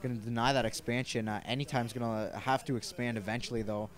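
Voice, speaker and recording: A man casting a strategy game match in a loose, chatty play-by-play style, with frequent filler words and bursts of excitement. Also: medium pitch, quick pace. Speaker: esports caster. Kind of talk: casual play-by-play commentary.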